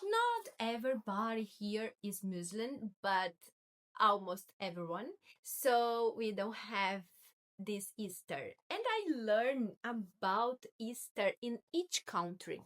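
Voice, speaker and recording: A woman's voice: medium pitch, big pitch swings, takes it slowly, a bit bright. A woman in her twenties from Brazil, with a Brazilian Portuguese accent, chatting casually in a vlog and often stopping to search for words and correct herself. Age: 20s. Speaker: vlogger.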